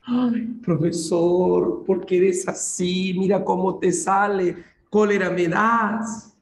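A man's voice: high-pitched, steady tone, takes it slowly, vocal fry, heavily acted. A man voicing an exasperated student who complains and pleads with the teacher, in a whiny tone and an echoey room.

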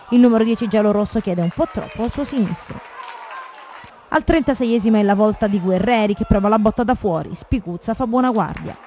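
A very high-pitched man narrates a scripted football report. He projects loudly over faint crowd ambience and background noise. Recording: noisy crowd ambience behind voice.

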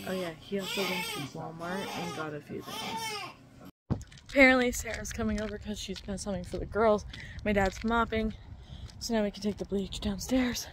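A woman's voice: mid-range voice, poor audio. A woman in her twenties giving a casual day-recap vlog from home. She rambles with lots of "um"s, talking into a phone held at arm's length. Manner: rambling, many ums, chatty daily recap. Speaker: vlogger giving a day update. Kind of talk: casual chat. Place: home, lying on a couch and in a small room indoors.

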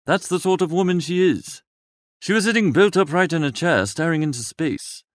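A male reader voices Bertie Wooster, the flippant, languid young upper-class idler, in comic first-person audiobook narration. His higher-pitched, very animated delivery is wordy, breezy and droll, with playful exaggeration at a moderate pace. The recording is dry and clean, studio quality, with a natural-sounding voice.

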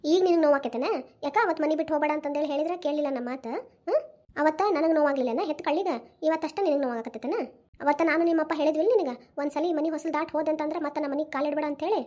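A woman's voice: high-pitched, racing, a little mellow, lightly acted. A woman voicing a stern, unforgiving old village mother in a cartoon, scolding with a North Karnataka accent. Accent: North Karnataka Kannada. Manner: scolding, lecturing. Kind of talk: cartoon voice acting.

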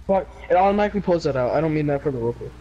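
High-voiced excitable young man gaming. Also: rapid-fire, dull audio, slight background noise. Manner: excitable, urgent, swearing. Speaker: player in online role-play game. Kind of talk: casual gaming chat.

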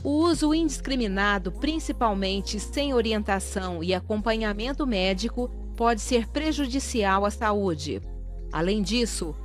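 A woman reading a scripted lesson for pharmacy assistants in a steady, even way. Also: on the high side. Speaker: course narrator. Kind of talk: scripted instructional narration.

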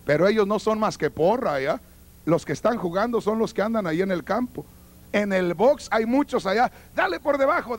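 High-voiced man preaching earnestly. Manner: earnest, instructive, addresses the congregation directly; acts out quoted voices in his teaching. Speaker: pastor. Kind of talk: teaching sermon.

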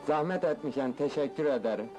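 An actor playing a poor, lovestruck village farmhand, cheeky and naive, with a rural Anatolian Turkish accent in a comic film. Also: male voice, mid-range voice, quick pace, soft background music, natural voice. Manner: colloquial, animated, eager.

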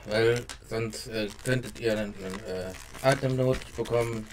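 A young man talking casually to camera at a close mic, halting, his mouth burning and watering from spicy food. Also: medium pitch, steady tone, creaky, slight background noise. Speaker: vlogger doing a hot chili taste test. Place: small dim room at home. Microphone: close desk microphone with pop filter.

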